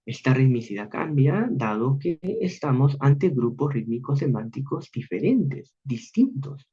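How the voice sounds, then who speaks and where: A man lectures on poetry over a video call, his voice mellow and a little husky. His pitch moves a lot as he explains, and he slows down to stress each beat when he reads verse aloud. The sound is dull and lo-fi, like online call audio. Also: lively intonation. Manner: explains patiently, slows down to read verse lines with heavy stress. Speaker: literature lecturer.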